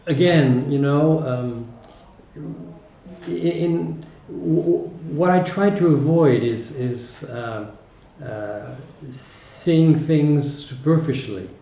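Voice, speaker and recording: In a roomy, echoey recording, a man with a French accent and a warm, slightly high voice talks very slowly. As a teacher in an interview, he gives thoughtful explanations, hesitating and often tacking on a short check-in.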